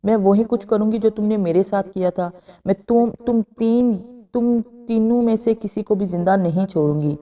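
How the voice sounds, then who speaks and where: A woman's voice: medium pitch, dark tone, close to an everyday voice. Woman voicing a vengeful young ghost woman. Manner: grim, threatening.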